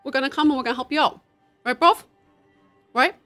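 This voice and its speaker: A woman's voice: sits high, fairly quick, sharp tone, soft background music. A woman doing a cocky streetwise young tough. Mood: swaggering. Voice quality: swaggering, threatening, slangy.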